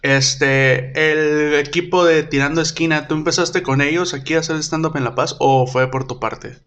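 A man with a Mexican accent hosting a relaxed, slangy interview and laughing often. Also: a little high, moderate pace. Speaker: interviewer and comedian. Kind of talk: casual interview chat.

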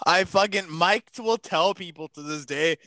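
A man's voice: sits high, normal speed, pushed and bright, dry recording. A man bantering on a casual drinking podcast, interrupting and laughing often.

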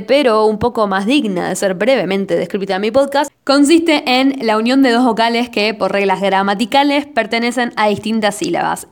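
A woman with an Argentine accent hosting a casual teaching podcast, playful and self-mocking, spelling out syllables slowly as she explains. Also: mid-range voice. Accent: Argentine Spanish. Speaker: podcast host.

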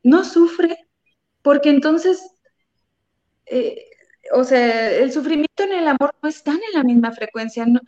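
A woman's voice: high-pitched, expressive, measured pace, long pauses, mellow. Earnest woman on a dull, lo-fi line. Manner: earnest, emotional storytelling with frequent fillers. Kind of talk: spiritual conversation. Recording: dull lo-fi sound.

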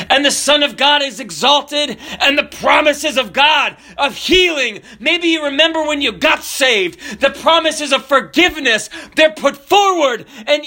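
A man born in Kenya preaching a sermon, fervent, building to near shouts and then dropping low and soft.

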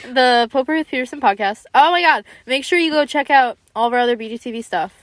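Young woman host with a higher voice, upbeat and chatty, steers the show. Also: quick pace, no room sound. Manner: upbeat, wraps things up. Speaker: podcast host. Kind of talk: casual chat.

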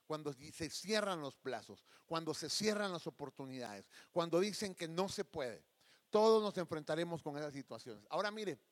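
A man's voice: on the high side, animated, moderate pace. A man preaching a sermon, telling a personal story and acting out the people in it. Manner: emotive, addresses listeners as beloved brother, acts out quoted voices.

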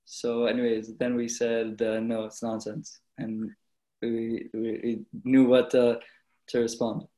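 A man's voice: medium pitch, monotone, a little slow, dark tone. A man, a student in a class, telling a story in a casual, slangy way.

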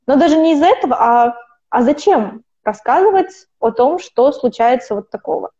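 This podcast guest, a twenties-aged opera student, has a warm, expressive, high-pitched voice and speaks at normal speed. The casual conversational interview finds her rambling, frequently restarting and correcting herself, and the lo-fi recording sounds dull.

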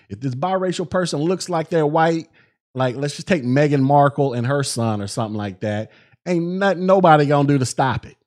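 A young man hosting a solo podcast, talking in animated, slang-heavy commentary full of restarts and repeated words. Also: a little high. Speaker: podcast host.

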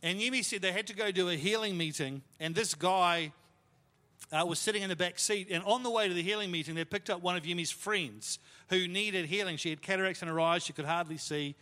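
With a high, sharp voice at a fairly quick pace, a pastor tells stories in his sermon, relaxed and self-mocking with lots of fillers. A long reverb from the hall follows his words.

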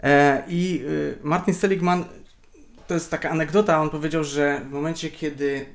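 A man's voice: a little high, level tone, normal speed. A man hosting a podcast, chatting casually with his guest and putting questions in a conversational way. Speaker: podcast host. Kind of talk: casual interview chat.

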